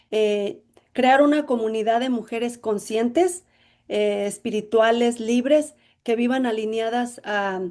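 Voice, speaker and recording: A middle-aged woman from Jalisco speaks with a Mexican accent as an interview guest. Her voice sits a little high, and she talks reflectively about her own life, often pausing on fillers like "bueno, pues". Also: a little mellow. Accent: Mexican Spanish. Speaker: interview guest, emotional intelligence coach. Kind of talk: personal life story in interview.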